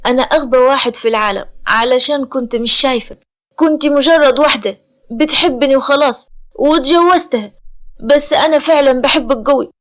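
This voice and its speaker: Brief: a woman reading as a stern Egyptian man, loud and commanding, high light voice. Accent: Egyptian Arabic. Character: stern powerful man, quick-tempered but loving husband.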